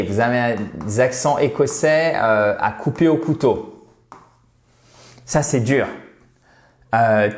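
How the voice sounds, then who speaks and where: A man with a mild cold explains language tips in a relaxed, emphatic teaching voice. He keeps checking that his viewers follow him. The room gives his voice a noticeable echo. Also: medium pitch. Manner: chatty and emphatic, checks in with "d'accord?". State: has a cold. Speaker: English teacher. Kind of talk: casual spoken lesson to camera. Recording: echoey room.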